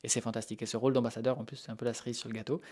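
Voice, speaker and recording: Speaking in rapid-fire bursts with a medium-pitched, level, mellow voice, a French-speaking researcher from Normandy answers interview questions. He's a guest discussing animal behaviour, and his informal explanations are full of hesitations and repeated words.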